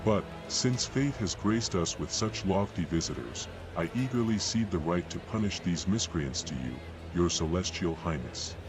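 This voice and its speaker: An actor playing a cold, solemn executioner who declaims in a grandiose, ceremonial manner in a dramatic video game. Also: male voice, deep voice, animated, normal speed, few pauses, music in the background. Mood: ceremonial, deferential. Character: cold solemn male executioner presiding over public burnings.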